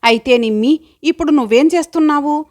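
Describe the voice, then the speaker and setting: Caring young woman, affectionate and coaxing, slightly high, for an audiobook, read by a woman. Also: brisk, a little mellow, close to an everyday voice. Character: warm caring young woman, loyal friend.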